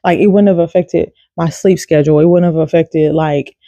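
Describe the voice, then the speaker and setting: A woman's voice: deep voice, steady tone, moderate pace, creaky, dark tone, no room sound, lo-fi sound. A woman giving a casual devotional talk to camera, chatty and informal, with many fillers and easy laughs.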